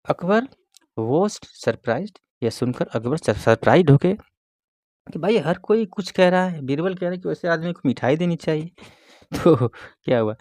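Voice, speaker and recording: A man teaching English grammar, reading a story slowly word by word and explaining each part, often asking and answering his own questions. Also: on the high side, lively intonation, darkish tone, dry recording. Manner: reads English words slowly one at a time, then explains. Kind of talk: bilingual grammar lesson reading a story aloud.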